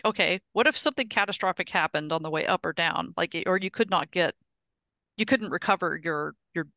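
A woman's voice: on the low side, vocal fry, bright, forceful tone, no echo. A middle-aged woman on a video call through a headset mic, giving a casual technical update and explaining step by step with frequent restarts. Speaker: project presenter at an engineering meetup. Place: home office on a video call.

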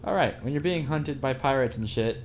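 A man's voice: mid-range voice, fairly quick, a little hiss or hum. A young man in casual, crude, joking chat about a game his friend is playing.

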